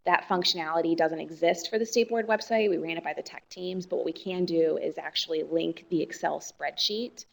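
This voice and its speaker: A woman's voice: deep voice, fairly even intonation, fairly quick, vocal fry, hardly any pauses, poor audio. A woman on the board staff explaining plans at a formal meeting and correcting herself as she goes.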